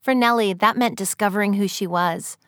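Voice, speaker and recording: A woman reading scripted promotional narration in a smooth, even delivery. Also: medium pitch, moderate pace, no room sound, clean studio sound.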